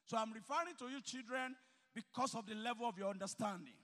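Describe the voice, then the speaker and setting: A man preaching in a very high, bright voice that rings with a long hall reverb. He is emphatic, dropping to quiet asides and then rising to loud exhortation. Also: fast talker. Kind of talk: sermon to students.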